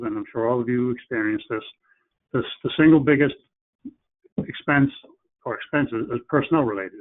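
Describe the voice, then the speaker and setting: A man presenting in a webinar, talking in a plain, practical way and often restarting his phrases. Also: mid-range voice. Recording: phone-like webinar audio.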